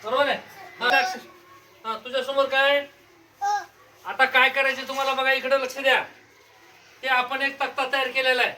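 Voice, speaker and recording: Woman teacher quizzing small kids over and over, kinda high voice, recorded from across a noisy room. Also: flat delivery, moderate pace, long pauses, bright, forceful tone. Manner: patient, repeatedly prompts small children with questions. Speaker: primary school teacher. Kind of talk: classroom word-game lesson. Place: rural school classroom. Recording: noisy classroom recorded from a distance.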